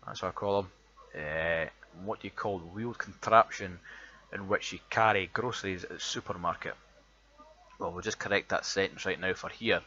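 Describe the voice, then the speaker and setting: Scottish man with an Edinburgh accent, lowish bright voice, chatty vlogger who swears freely, muffled home recording. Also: fairly even intonation, normal speed. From Scotland. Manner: chatty, swears freely, reads a word list. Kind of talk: casual accent tag vlog.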